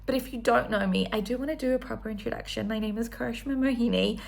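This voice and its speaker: A woman's voice: on the high side, fast talker, creaky. A woman in her thirties, from New Zealand, chatting enthusiastically in a casual one-take vlog with frequent ums. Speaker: vlogger.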